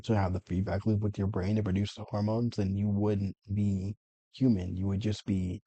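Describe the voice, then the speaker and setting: A man's voice: fairly low pitch, little pitch movement, normal speed, dark tone, slightly rough, dry recording, highs cut off. A man talking through his feelings in a meandering personal monologue, often correcting himself and swearing. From United States. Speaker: vlogger.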